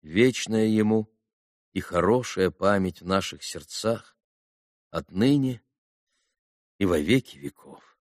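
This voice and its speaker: An earnest, heartfelt young orator from an audiobook, read by a man. The voice sits low and sounds close and dry, with no room around it. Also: expressive, takes it slowly, long pauses, no room sound. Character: earnest young man addressing boys at a graveside. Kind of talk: audiobook reading.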